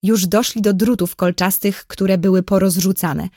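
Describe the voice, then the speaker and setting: A woman narrating a children's story as an audiobook in a clear, measured storytelling manner. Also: medium pitch, fairly even intonation, dark tone, no room sound, clean studio sound.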